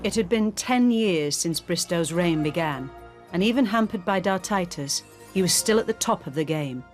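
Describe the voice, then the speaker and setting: A woman giving measured, scripted documentary narration. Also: fairly low pitch, animated, over music.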